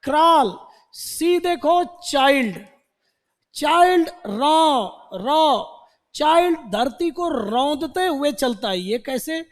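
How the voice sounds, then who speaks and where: High-voiced man teaching in a reverberant hall. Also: animated, takes it slowly. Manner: quizzes students with repeated questions. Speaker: English teacher. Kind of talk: classroom vocabulary lecture.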